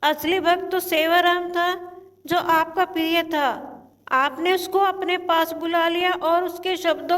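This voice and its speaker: A woman voicing a devout middle-aged male shopkeeper in a storybook tale, reading his lines in her own high, slow, flat voice, plaintive and pleading, recorded from a distance. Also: exaggerated voice.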